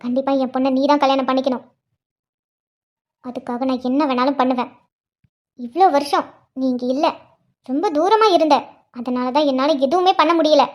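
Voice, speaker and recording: A woman voicing a scheming, stubborn middle-aged aunt in a cartoon story, speaking in a low, menacing, deliberate way. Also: fairly even intonation, darkish tone, lightly acted. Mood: vengeful, determined.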